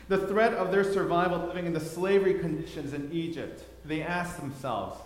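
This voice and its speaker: Using slides, a Thai preacher recounts a story at normal speed in a rather high voice, stressing points through repeated words. His sermon echoes through the church hall with a long reverb.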